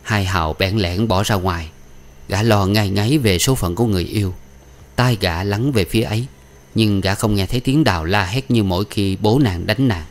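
A man reads a novel aloud as an audiobook narrator. His voice is low and his delivery steady and even. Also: normal speed. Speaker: audiobook reader.

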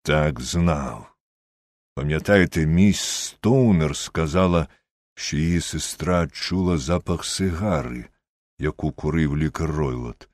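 A man voicing calm, lecturing Sherlock Holmes. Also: very deep voice, no room sound, clean studio sound. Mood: measured. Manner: measured, lecturing, deductive. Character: Sherlock Holmes, shrewd calm male detective. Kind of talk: audiobook character reading.

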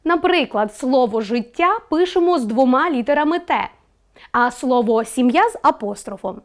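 Lively high-voiced woman teaching. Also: moderate pace. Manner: clear, instructive, stresses examples. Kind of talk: online school lesson.

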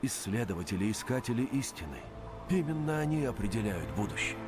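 A man's voice: lowish voice, very animated, brisk, over music. A man acting as a reflective narrator, delivering scripted dramatic narration for a video game intro. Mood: solemn, reflective. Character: reflective male narrator musing on explorers and truth-seekers.

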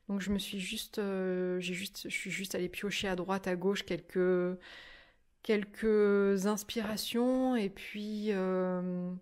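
A woman's voice: mid-range voice, a little mellow, clear, resonant tone. Hesitant woman chatting about books. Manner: hesitant, many fillers and restarts. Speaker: vlogger reviewing books. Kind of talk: casual chat. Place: at home by her desk.

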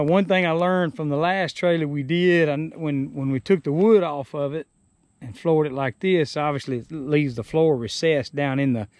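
A man in his forties from Alabama, with a Southern US accent, casually walks around a rebuilt trailer on a rural farm lawn, showing it off in a folksy, rambling way and stopping and restarting mid-sentence. His voice is on the high side with a darkish tone and no room sound. He's recorded on an action camera that's held or worn and sometimes set down.

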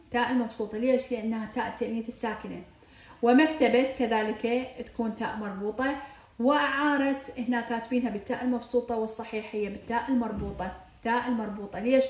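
A woman's voice: on the high side, darkish tone, reverberant. A woman teacher with an Iraqi accent explaining exercises patiently, asking herself why and repeating words with each vowel ending. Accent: Iraqi Arabic. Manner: asks "why?" then answers herself. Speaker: Arabic teacher.

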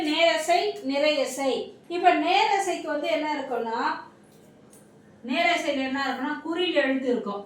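Woman, grammar teacher, quizzing and repeating, high voice, very echoey room, distant mic. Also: a little hiss or hum. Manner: repetitive, quizzing questions then answering them. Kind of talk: classroom lesson.

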